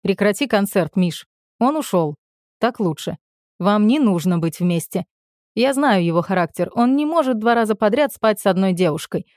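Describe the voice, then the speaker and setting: A woman doing a gruff protective older brother. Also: medium pitch, animated, normal speed, a little mellow, no echo, clean studio sound, close to an everyday voice. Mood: stern. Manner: growling, blunt.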